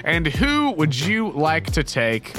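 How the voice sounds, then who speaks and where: A man's voice: a little high, wildly swooping pitch, takes it slowly. A man acting as game master, casually narrating a tabletop role-playing game. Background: background music.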